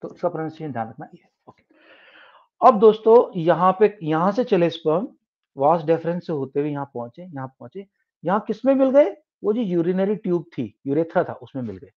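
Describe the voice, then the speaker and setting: A man's voice: on the high side, lively intonation, normal speed. A middle-aged man with an Indian English accent teaching a science class step by step, switching between Hindi and English and often restarting his sentences. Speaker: science tutor. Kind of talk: classroom lecture. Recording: dull lo-fi sound.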